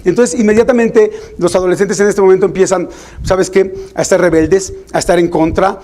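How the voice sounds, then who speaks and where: A man with a Mexican accent, a parent himself, giving an informal, animated talk to parents about teenagers. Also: a little fast. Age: adult parent. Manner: animated, acts out parents and teens in higher voices. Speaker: parenting speaker.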